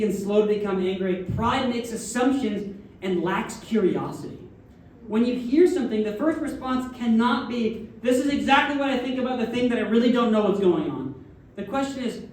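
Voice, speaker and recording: A man's voice: high-pitched, darkish tone. Male minister, conversational preacher, recorded from a distance in a very echoey sanctuary with faint background noise. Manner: conversational preaching with frequent audience check-ins. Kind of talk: sermon. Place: church sanctuary.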